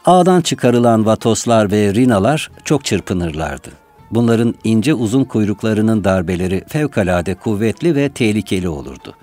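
A man narrating a literary, memoir-style text in a measured, unhurried way. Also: on the low side, animated, mellow. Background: faint music.

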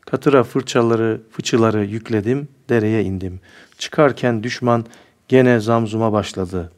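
A cheeky young soldier tells his adventure in rustic, boastful speech, put on by a male reader. His voice sits a little low and the telling stays folksy and plain. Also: slow, a little mellow. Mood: spirited.

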